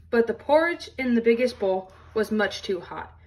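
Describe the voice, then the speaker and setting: High-voiced woman storyteller, slightly distant mic. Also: lively intonation, measured pace, darkish tone. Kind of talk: expressive children's storybook read-aloud.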